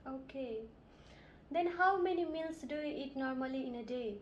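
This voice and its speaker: A woman's voice: sits high, moderate pace, dull audio, slight background noise. A woman from Nepal, playing a nurse and asking polite, methodical questions in a scripted health assessment role-play. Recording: roomy echo.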